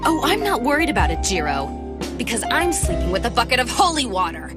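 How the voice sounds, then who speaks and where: A fiery young anime heroine in an English dub. Her high voice swings widely with exasperated, overacted scolding, and loud music runs behind her. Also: sing-song, fairly quick. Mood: irritated. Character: hot-tempered, exasperated young woman hosting a vampire.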